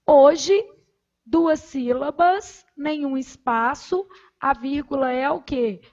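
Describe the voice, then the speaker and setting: A woman with a Brazilian Portuguese accent teaching grammar, asking the class questions and answering them herself, and counting syllables aloud slowly. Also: high voice, lo-fi sound. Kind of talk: recorded grammar lesson.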